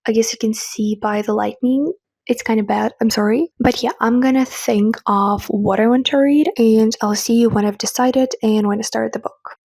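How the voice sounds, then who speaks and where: In her reading vlog, a young woman for whom English is a third language talks warmly and excitedly about books, chatty and often restarting her sentences. She speaks at a moderate pace in a fairly high, fairly even voice with vocal fry, a slightly mellow and rough quality, and no echo.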